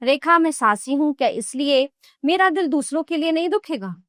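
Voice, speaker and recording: A woman's voice: sits high, animated, normal speed, a bit bright, no echo, clean studio sound. A woman voicing a troubled emperor who speaks in a pained, bewildered way. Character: troubled emperor, grown man, shaken and sorrowful.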